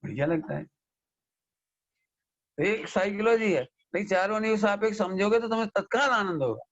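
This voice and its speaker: A man gives a lively scripture discourse, scolding and questioning his listeners. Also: sits high, fairly quick, muffled recording. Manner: animated, scolding, mimics listeners and asks them questions. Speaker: Jain scholar giving a scripture discourse. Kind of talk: sermon.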